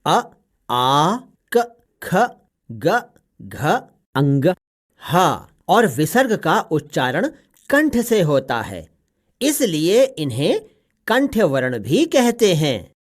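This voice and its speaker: A woman voicing a patient old male parrot who teaches pronunciation slowly and carefully in a cartoon story. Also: deep voice, very animated, full character voice. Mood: instructive. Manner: slow, careful, spelling out each sound.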